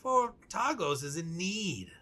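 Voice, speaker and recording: A man voicing a stern, commanding guard captain of a lake town who barks loud orders and threats. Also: sits high, very animated, slow, heavily acted. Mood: threatening.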